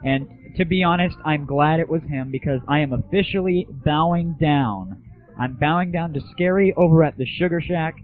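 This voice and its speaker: Over soft background music, a young man with a slightly high voice interviews a guest on a relaxed gaming audio show, chatting as he asks his questions at a moderate pace. The recording is tinny and phone-like, band-limited in the manner of 1990s web audio.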